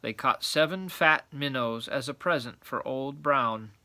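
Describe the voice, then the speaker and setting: A man's voice: mid-range voice, measured pace, sharp tone. A man narrating a children's storybook aloud in a grandfatherly storytelling manner.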